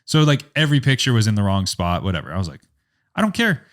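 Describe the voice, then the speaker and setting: A young man, a photographer, telling a story in a casual podcast interview, rambling and animated, with a lot of "like" and acted-out quotes. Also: on the low side, racing. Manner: animated, rambling, heavy use of "like", acts out quotes. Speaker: photographer and business owner, podcast guest.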